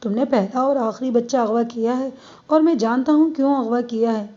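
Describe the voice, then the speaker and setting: A woman's voice: fairly high pitch, warm tone, close to an everyday voice. Woman reading a firm male police inspector. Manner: measured, firm, rising to commanding. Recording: dull lo-fi.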